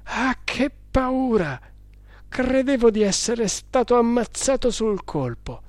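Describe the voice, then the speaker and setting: A man's voice: a little high, big pitch swings, measured pace, darkish tone, no echo. A man voicing a terrified, breathless Bengali man in a storybook reading. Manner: breathless, frightened exclamations.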